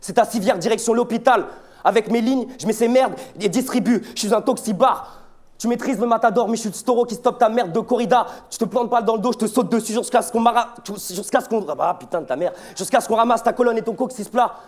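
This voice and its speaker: This young Belgian battle rapper talks fast in a very high-pitched voice, spitting beatless verses full of aggression and taunts, with a punchy attack on every line.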